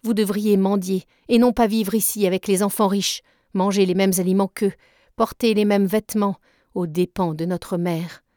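A woman reading aloud and voicing a cruel, spoiled rich boy who bullies his orphaned cousin, in a scornful, shouting tone. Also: medium pitch, fairly even intonation, moderate pace, no room sound, studio quality, natural voice. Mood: scornful tirade.

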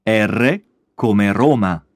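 A man's voice: on the low side, drawn-out words, dry recording, clean studio sound. A man reading a scripted language lesson, spelling out each letter with an example word. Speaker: language course reader.

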